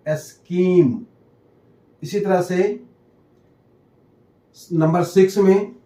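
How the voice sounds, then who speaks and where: A man teaching English pronunciation in a lesson, repeating each word and explaining slowly. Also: high voice, darkish tone. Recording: echoey room.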